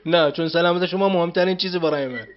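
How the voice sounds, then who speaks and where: A man hosting an interview as a language teacher, encouraging his guest with quick affirmations. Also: on the high side, lo-fi sound. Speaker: Arabic teacher and host. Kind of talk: casual interview.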